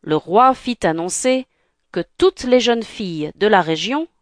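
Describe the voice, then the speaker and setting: A woman reads a fairy tale aloud in a calm, clear voice. She takes her time over every phrase. The sound is dry and close, with no room. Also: mid-range voice, measured pace, dry recording. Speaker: storyteller. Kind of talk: storybook read-aloud.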